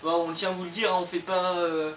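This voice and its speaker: A man's voice: high voice, level tone, fairly quick, fairly bright tone. A young man co-hosting a casual, improvised chat between friends, rambling and hesitant with lots of filler words. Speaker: co-host. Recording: echoey room, distant mic, noisy.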